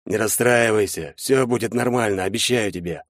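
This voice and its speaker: A man reading an audiobook, voicing a stern, commanding father with a forceful manner. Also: fairly low pitch, normal speed, no room sound, clean studio sound, close to an everyday voice. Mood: gentle. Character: stern wealthy father, older nobleman.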